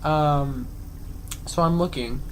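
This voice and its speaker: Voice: mid-range voice, takes it slowly, a little hiss or hum, low-quality recording. Chatty young vlogger telling stories at home. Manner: chatty, lots of fillers, acts out the other people's lines. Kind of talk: casual storytelling vlog.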